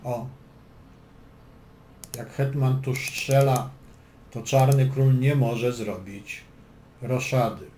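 Man calling chess moves, mellow and roomy. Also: mid-range voice, fairly even intonation, slow, long pauses. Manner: dry joking asides between move calls. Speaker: chess instructor. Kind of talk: chess lesson commentary. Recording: echoey room with faint background noise.

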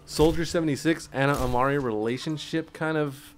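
A man streaming gameplay, commenting casually in slang with swearing, a little tipsy from drinking, and breaking into excited yells during play. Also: a little high, brisk, slight background noise. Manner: laid-back, slangy, swears, bursts into excited yelling at play. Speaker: gaming streamer.

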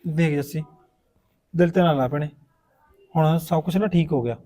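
A man's voice: a little high, moderate pace, mellow, natural voice. A man acting an elder brother who asks his widowed sister to forgive him and reassures her. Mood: reassuring. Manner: earnest, pleading, reassuring. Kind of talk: amateur village short-film acting.

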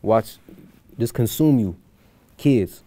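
A man's voice: medium pitch, animated, slow pace, warm tone. A young man from Houston, chatting loosely as a guest musician, with plenty of fillers and restarts. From Houston, USA. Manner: rambling, loose, with many fillers. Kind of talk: casual chat.

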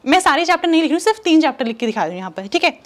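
A woman's voice: high voice, big pitch swings, rapid-fire. A young woman teaching exam strategy to chemistry students in a chatty, direct and reassuring way, mixing in English words. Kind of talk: casual Hindi-English teaching talk.

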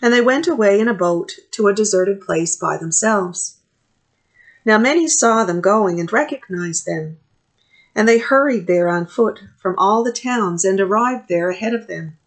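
Middle-aged woman priest reading morning prayer. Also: medium pitch. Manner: measured, steady reading with pauses between phrases. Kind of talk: reading a liturgy aloud. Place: small office at home. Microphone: webcam at desk distance.

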